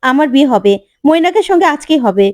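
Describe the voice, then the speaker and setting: A woman voicing a stubborn young woman desperate to be married, shrill and insistent. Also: sing-song, fast talker, darkish tone, dry recording, studio quality.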